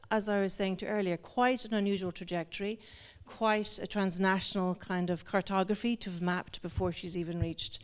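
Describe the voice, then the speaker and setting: Fairly low in pitch and smooth in tone, a woman moderates an art talk semi-formally for an in-person audience indoors. Her sentences wander at length and carry some hesitation.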